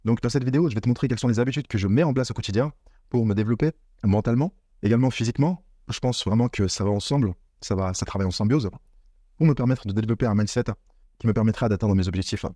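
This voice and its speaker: Speaking quickly in a mellow, mid-range voice, an online business coach addresses the viewer directly with a motivational talk about business mindset. He is earnest and repetitive, and the recording is dry and studio-clean.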